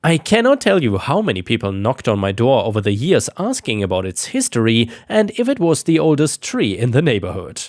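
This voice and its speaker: A man's voice: mid-range voice, huge pitch swings, a little fast, hardly any pauses, darkish tone, no echo, clean studio sound. A man narrating a first-person neighbor-feud story in a scornful, dramatic way.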